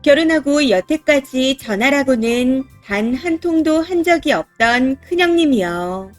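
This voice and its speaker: A woman giving steady, first-person scripted narration of a reader's story. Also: high voice, a little slow, soft background music.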